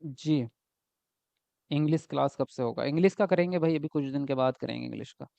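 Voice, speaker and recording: High-voiced chatty male teacher. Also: a little fast, gravelly, warm tone, no echo. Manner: chatty, keeps asking "right?" and answers chat comments. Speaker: exam prep teacher. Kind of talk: live online class lecture. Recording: dull lo-fi dry sound.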